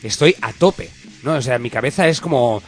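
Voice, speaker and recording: A man co-hosting a comedy radio show, playful, slangy and animated, acting out scenes as he talks. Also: medium pitch, moderate pace, soft background music.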